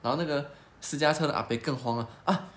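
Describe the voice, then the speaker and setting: A man's voice: a little high, quick pace, echoey room. A man hosting a podcast, telling a story in casual chat and acting out the people in it. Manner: animated, acts out quoted people. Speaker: podcast host.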